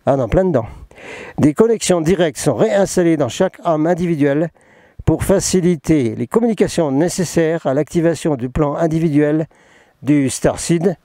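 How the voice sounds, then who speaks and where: A talkative man who rambles, restarts and pokes fun at himself as he reads and comments. His voice sits slightly high yet sounds mellow and soft-edged. The recording is close and dry, with no room around it. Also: moderate pace, no echo. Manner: jokey, self-mocking, rambling with many restarts. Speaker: spiritual channeler hosting a talk. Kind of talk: casual spoken talk mixing reading and asides.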